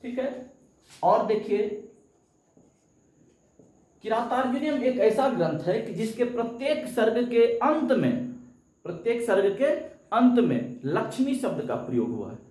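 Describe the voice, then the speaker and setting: A man teaching a live coaching class, with a high voice and an echoey room around him. He puts a question to his listeners and answers it himself, and at times he chants verses in a recitation tone. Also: very animated, unhurried, long pauses, darkish tone. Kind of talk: live online exam-coaching lesson.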